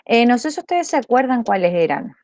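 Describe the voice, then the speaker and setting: A woman's voice: a little high, sing-song, fairly quick, darkish tone, dry recording. A woman teacher with a Chilean accent, explaining a school lesson patiently and checking often whether the class follows.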